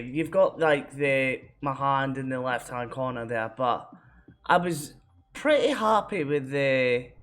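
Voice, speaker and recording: A man's voice: medium pitch, sharp tone. A Scottish man vlogging in a casual, rambling way, with lots of fillers and restarts. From Scotland. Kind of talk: casual reflective chat.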